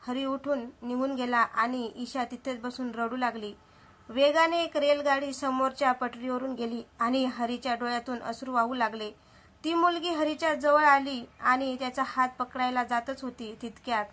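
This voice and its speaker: High-voiced woman storyteller. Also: steady tone, normal speed, fairly bright tone. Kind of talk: dramatic story narration.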